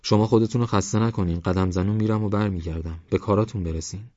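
A man's voice: on the low side, steady tone, mellow, no room sound, lo-fi sound, natural voice. A man voicing a polite young man, a grandson, who talks in a courteous, mildly protesting way in an audiobook.

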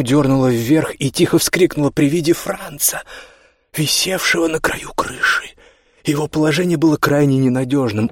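A man reading a novel aloud as a narrator, measured and tense. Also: mid-range voice, husky, no echo, studio quality. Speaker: audiobook narrator. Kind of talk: scripted narration.

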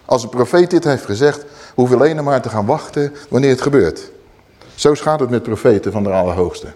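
A man's voice: mid-range voice, expressive, fairly quick, dark tone. A middle-aged man preaching a sermon, retelling a Bible story vividly with blunt, colloquial asides.

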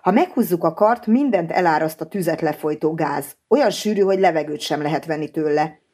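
A woman's voice: low voice, a little mellow. A woman reading an audiobook and voicing a weakened male scientist who talks in a strained, urgent way.

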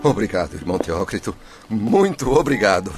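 Eager, vain gentleman, lively pitch. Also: normal speed, faint music behind. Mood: eager, impatient. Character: impatient, vain gentleman spirit, eager and theatrical. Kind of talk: radio drama acting.

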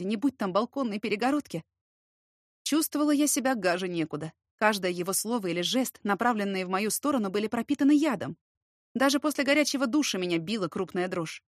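A woman reading a novel aloud as a first-person narrator, steady and expressive. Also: medium pitch, no echo, studio quality. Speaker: audiobook narrator.

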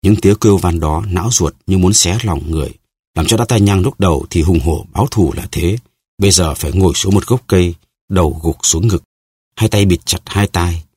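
Low, husky male audiobook narrator. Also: a little fast, darkish tone. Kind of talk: scripted narration.

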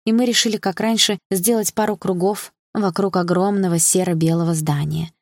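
A woman narrating an audiobook in the first person, calm and steady. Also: lowish voice, normal speed, no room sound, clean studio sound.

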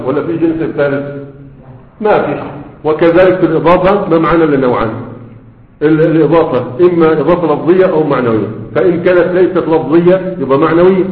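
A man teaching grammar to a class, posing rhetorical questions to his students as he explains. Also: on the high side. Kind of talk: classroom lecture. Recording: echoey hall, phone-like lo-fi sound.

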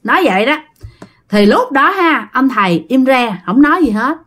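A woman, telling a spooky tale casually. Her voice is high and melodic, and she swoops up and down a lot. She keeps turning to her listeners as she chats. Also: expressive, normal speed, fairly bright tone. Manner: chatty, addresses listeners directly. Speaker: storyteller. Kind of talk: casual ghost-story telling.

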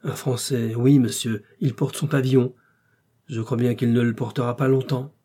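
Brief: man doing a grave, deferential old sailor, husky mellow voice, audiobook. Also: mid-range voice, little pitch movement, normal speed, lightly acted. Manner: respectful, plain-spoken. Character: old male sea pilot, weathered and deferential.

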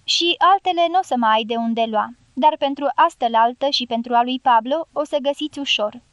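Woman reading as a calm, commanding wounded soldier. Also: high-pitched, no room sound, close to an everyday voice. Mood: resigned, steady. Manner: measured, firm commands. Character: American male dynamiter, wounded, calm and commanding.

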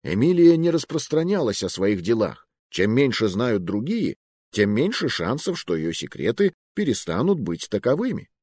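A man narrating an audiobook in an expressive, wry manner. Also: medium pitch, moderate pace, husky, no room sound.

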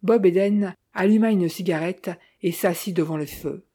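A woman narrating an audiobook in a measured, even reading style. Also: lowish voice.

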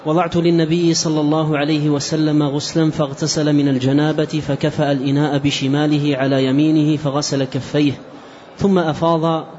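Man reading hadith in a flat voice. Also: on the high side, fairly quick. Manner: flat recitation of the text. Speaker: student reading the text. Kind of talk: reading hadith chains aloud. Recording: distant dull lo-fi recording with faint hiss.

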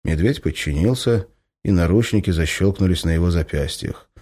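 A man reading an audiobook in steady scripted narration. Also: low voice, normal speed, husky.

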